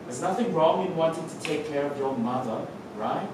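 An actor reads the part of Adam, a young man who jokes about his mother and worries over her, in a staged reading on a theatre stage. His voice is on the high side and expressive, lightly acted at a normal speed, turning from wry teasing to alarmed shouting. The sound, recorded by a far camera with no visible mic, is noisy and echoey.

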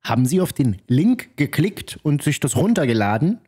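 A man hosting his channel, explaining and commenting in a calm, matter-of-fact, slightly teasing way. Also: a little high, moderate pace, slightly rough. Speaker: channel host baiting a scammer. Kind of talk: vlog commentary and recorded phone call.

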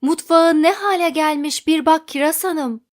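A woman voicing a plump, flustered middle-aged man who shouts frantically in a storybook. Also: high-pitched, a little slow, voice pushed up. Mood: frantic.

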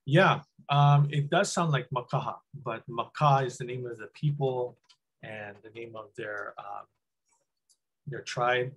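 Over a webcam video call from a small room, a middle-aged Hawaiian guest speaker rambles casually, often saying um and starting over. He talks a little slowly in a husky, medium-pitched voice, and the sound quality is poor.

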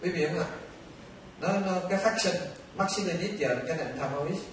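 An older Vietnamese man, a Buddhist monk, giving an animated storytelling dharma talk to a temple audience. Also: high voice, a little fast. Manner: animated, conversational, addresses listeners often. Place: temple hall. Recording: echoey distant hall recording with faint noise.

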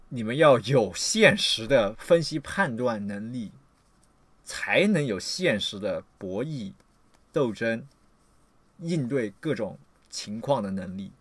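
A man giving a ranting livestream lecture, scolding his audience and swearing often, jumping between loud outbursts and low muttering. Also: no echo. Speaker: livestream lecturer on political theory.

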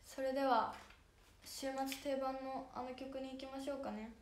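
A woman's voice: sits high, level tone, moderate pace, a little hiss or hum. A young woman with a Hiroshima accent hosting a casual idol livestream, chatting and thanking viewers by name. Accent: Hiroshima dialect. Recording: echoey room with faint music.

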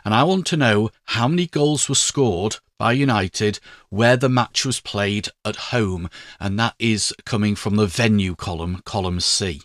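Man, unhurried tutorial voice, fairly low pitch, step-by-step delivery. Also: fairly bright tone, dry recording, clean studio sound. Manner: measured, step-by-step explaining. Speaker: spreadsheet tutor. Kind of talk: screen-recorded tutorial narration.

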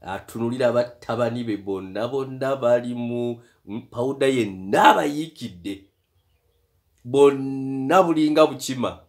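A man's voice: medium pitch, measured pace. A man with a Ugandan accent retelling a book as storyteller, switching between reading and chatty asides. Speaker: storyteller and translator. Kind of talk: retelling a book in English and Luganda.

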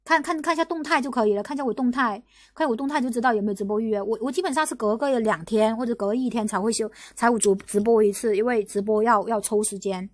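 A young woman from Guangdong hosting a casual livestream, talking in rapid bursts full of restarts and repeated rhetorical questions. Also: fairly high pitch, dry recording. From Guangdong, China. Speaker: livestream host.

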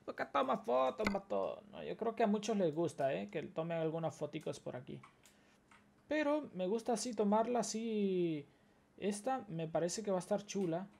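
A man's voice: high-pitched, creaky. A man with a Honduran accent commenting on a driving game as host of his channel, chatty and always calling out to his viewers as friends. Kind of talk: gameplay commentary. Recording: loud bus engine and traffic noise behind. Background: driving game bus engine and road sounds.

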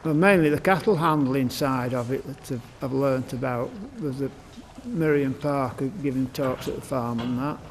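An older man farmer, speaking in a homely, rambling way as he answers interview questions in a cattle shed, his voice trailing off softly. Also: mid-range voice, normal speed, hardly any pauses, big-room sound, a little hiss or hum.

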